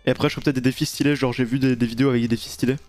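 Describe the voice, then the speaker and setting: A man's voice: medium pitch, fairly even intonation, very fast, darkish tone, no room sound, soft background music. A man streaming a video game, chatting casually and rambling while answering chat questions, close to the mic. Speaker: gaming streamer.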